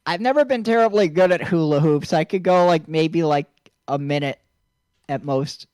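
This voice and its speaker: A man's voice: fairly high pitch, moderate pace, a little mellow, smooth, dry recording. A man with a mid-range voice trades blunt, sarcastic jokes on a group call. His mic runs through a mixer and sounds close and dry, with no room around it. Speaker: show host on a voice call. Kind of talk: casual group chat.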